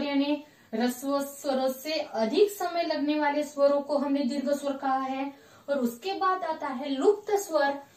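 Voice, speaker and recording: A woman teacher with a high voice talks her class through a grammar lesson at an unhurried pace. She asks questions and answers them herself, repeating each point. She is heard from a distance, in an echoey room. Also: darkish tone.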